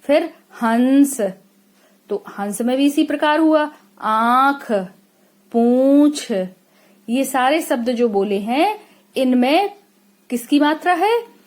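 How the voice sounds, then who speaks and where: A woman's voice: high-pitched, expressive, slow pace, long pauses, a little mellow. A woman from India teaching young children a lesson, stretching out sample words and checking in with a frequent "okay?". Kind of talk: classroom lesson explanation.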